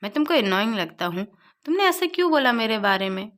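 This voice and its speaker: A woman doing a bubbly young man, whiny, coaxing, childlike, pitched high. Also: big pitch swings, brisk, a bit bright. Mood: pleading. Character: bubbly pleading young man, sweet and pushy.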